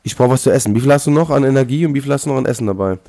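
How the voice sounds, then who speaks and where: A man hosting a Let's Play, chatting casually with a co-op partner, excitable and joking, often exclaiming. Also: medium pitch, rapid-fire, dry recording. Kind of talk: casual co-op gaming chat.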